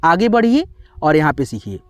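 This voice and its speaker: Teaching English pronunciation rules on his channel, a man speaks at normal speed in a slightly high, very animated voice with a darkish tone. The sound is lo-fi without echo, and his explanation is repetitive, full of self-answered questions and frequent "theek hai."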